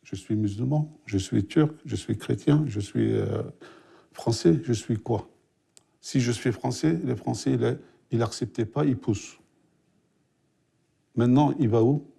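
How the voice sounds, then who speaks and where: A mature man with a very gravelly, husky voice speaks as a non-native interviewee. His phrasing is halting and repetitive. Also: mid-range voice, dark tone. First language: not French. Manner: halting, broken grammar, repeating himself. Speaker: interviewee, a father.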